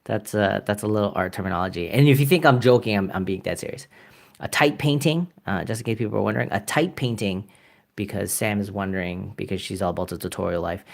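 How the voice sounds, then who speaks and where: A man's voice: deep voice, fast talker, vocal fry, few pauses. A Canadian man chatting casually to viewers as he paints live, rambling with many fillers and chuckles. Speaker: artist streaming live. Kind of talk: casual live-stream chat while painting.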